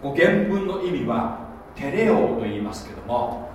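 A man preaching a sermon as pastor, animated and often checking that listeners follow along. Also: mid-range voice, moderate pace, a little hiss or hum. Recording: echoey hall, voice from a distance.

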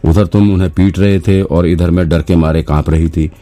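A man's voice: low voice, steady tone, moderate pace, mellow, faint music behind, lightly acted. A man reading the part of a cheerful young woman doctor who teases and stammers a little as she chats. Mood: laughing.

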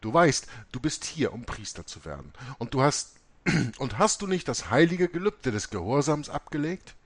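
A man's voice: medium pitch, big pitch swings, normal speed, voice pushed up. A man reading aloud voices a stern older seminary rector who reproaches a student for disobedience. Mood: reproachful.

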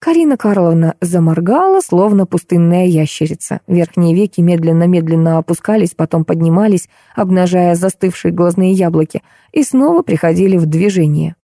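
A woman narrating an audiobook in a wry, lively storytelling manner. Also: on the low side, normal speed, hardly any pauses, no room sound, clean studio sound.

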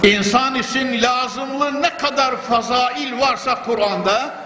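A man's voice: extremely high pitch, slow, sharp tone. Older man preaching at a pulpit microphone. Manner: fervent, rhythmic, repeating phrases for emphasis. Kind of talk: mosque sermon. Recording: echoey hall with clear background noise.

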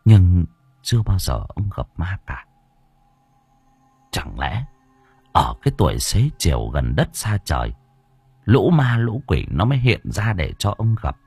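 A man tells a horror story with drama and lively, swinging pitch. His voice is husky, and the recording is dry and close. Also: a little slow, pauses often, no echo, faint music behind. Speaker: audiobook narrator.

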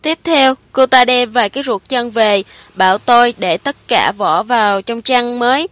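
A woman's voice: on the high side, moderate pace, fairly bright tone, no room sound, soft background music, lightly acted. Horror audiobook: woman reader doing a cowering middle-aged man, raised and strained, pleading through tears, dry close read. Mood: tearful confession. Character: frightened guilt-ridden middle-aged man confessing.

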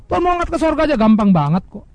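A man preaching a sermon, addressing his listeners directly, swinging between loud emphatic highs and soft, hushed lows and acting out quoted speakers. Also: very animated, rapid-fire, creaky, low-quality recording. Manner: mimics imagined speakers in quoted asides. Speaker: pastor.

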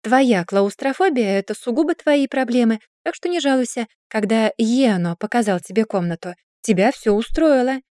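A woman's voice: a little high, lively intonation, normal speed, few pauses, mellow, no room sound, clean studio sound, pitched above the performer's own voice, lightly acted. A woman reading a storybook voices a snide young woman who speaks condescendingly and teasingly.

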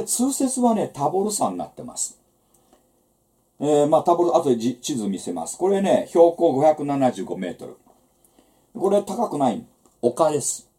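Male Bible lecturer, seminar style, animated pitch, conversational asides. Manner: conversational teaching with rhetorical asides.

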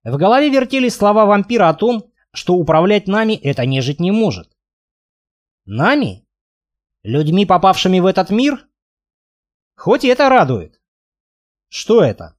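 A man reading a first-person fantasy audiobook aloud in a lively, expressive way. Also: high voice, normal speed, pauses often. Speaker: audiobook narrator.

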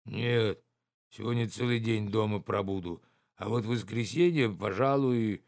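A man's voice: on the low side, vocal fry, dry recording, studio quality. A man doing a lazy grumbling old manservant. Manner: drawling, reluctant, slow.

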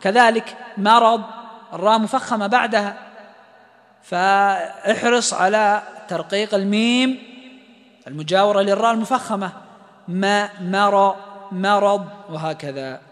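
Male recitation teacher, high voice, long hall reverb, explains then chants examples. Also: normal speed, pauses often, a bit bright. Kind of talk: tajweed lesson with recited examples.

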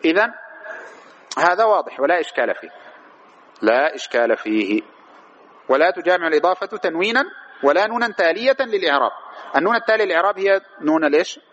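A man's voice: fairly high pitch, expressive, fast talker, pauses often, fairly bright tone. A man teaching a grammar class, reading from the text and explaining it, who asks the students questions and answers them himself. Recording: dull lo-fi lecture recording with faint noise.

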